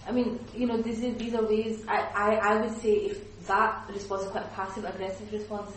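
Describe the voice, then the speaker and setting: Female workshop trainer, animated, acts out examples; distant, echoey room recording. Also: mid-range voice, brisk, a little hiss or hum. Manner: lively, acts out example speakers. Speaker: teacher trainer.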